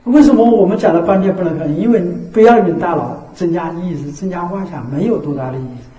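A man giving a Buddhist dharma talk as a teacher. He keeps checking in with rhetorical tags and slows into a measured recited cadence for scripture. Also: high voice, warm tone. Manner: repeats the tag "是吧" as a rhetorical check. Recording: echoey room.

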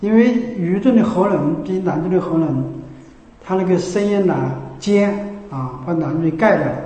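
A man giving a colloquial Buddhist talk, teaching how to chant and sometimes chanting phrases to show it. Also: high-pitched. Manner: lively, demonstrates by chanting phrases. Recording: echoey hall reverb.

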